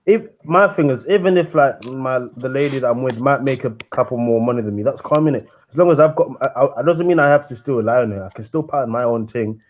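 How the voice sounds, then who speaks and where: A young man with a London roadman accent chats casually as a panellist on a live discussion show, using urban street slang and often ending sentences with "innit." His medium-pitched voice moves quickly with few pauses over slight background noise.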